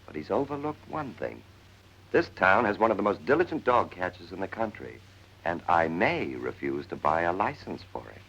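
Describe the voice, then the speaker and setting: A man's voice: low-pitched, very animated, moderate pace, a bit bright, slight background noise, full character voice. A man acting an exasperated, wry character with sardonic screwball banter in a 1940s comedy film. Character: exasperated, wry man convinced his brother returned as a dog. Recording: muffled vintage film soundtrack.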